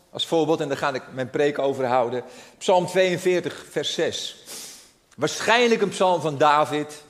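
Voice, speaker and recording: A man preaching a sermon as pastor, earnest and with frequent restarts on his words. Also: a little high. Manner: earnest, repeats words when starting sentences.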